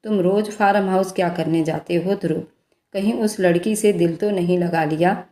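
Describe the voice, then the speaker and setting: A man's voice: sits high, steady tone, moderate pace, dark tone, natural voice. A woman voicing a suspicious older man, head of a family, probing with pointed questions in a spoken story read in a roomy space. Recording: roomy echo.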